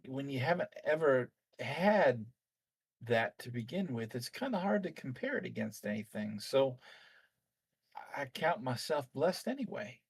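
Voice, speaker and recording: A man voicing a large, mild-mannered automaton in a tabletop game, polite, measured and a little hesitant. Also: medium pitch, sing-song, husky, heavily acted. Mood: philosophical.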